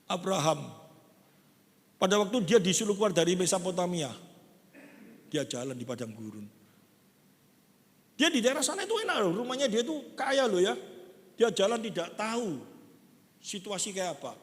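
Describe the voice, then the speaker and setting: Pastor, high voice, animated conversational sermon in a reverberant church. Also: male voice, moderate pace, pauses often. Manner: lively, conversational preaching with acted-out quotes. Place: large church hall. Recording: long church hall reverb.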